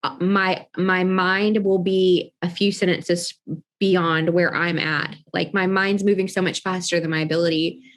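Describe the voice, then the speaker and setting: A woman's voice: on the low side, level tone, measured pace. Chatty woman podcast co-host. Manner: chatty, laughs often, thinks aloud with many fillers. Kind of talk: casual chat.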